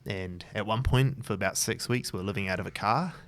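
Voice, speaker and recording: Guest, NZ man, 30s, low voice, easygoing and rambling with lots of "like". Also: brisk, fairly bright tone. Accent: New Zealand. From New Zealand. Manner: loose and rambling, many fillers and restarts. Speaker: guest, entrepreneur. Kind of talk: casual interview chat. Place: his office.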